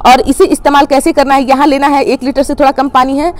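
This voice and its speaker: A woman hosting a gardening channel, calmly explaining plant care step by step and addressing viewers as friends. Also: high-pitched, fast talker. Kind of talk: instructional how-to talk.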